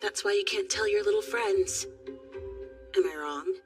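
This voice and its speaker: An actress voicing a sharp-tongued, teasing young woman in an anime dub, blunt and cutting. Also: medium pitch, unhurried, faint music behind, natural voice. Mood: scolding. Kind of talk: anime English dub acting.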